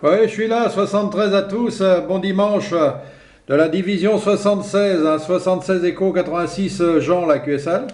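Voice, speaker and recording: An amateur radio operator chats casually over a two-way radio, easygoing and often closing phrases with small tag words. His voice sits high, a little mellow, at a moderate pace, and the transmission sounds echoey.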